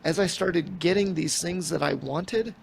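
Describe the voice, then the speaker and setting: A man's voice: fairly high pitch, measured pace, gravelly, a little hiss or hum. A man in his forties co-hosting a podcast, chatting casually in a rambling way and slipping into quoted conversations. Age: 40s. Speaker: podcast co-host. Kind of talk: casual chat.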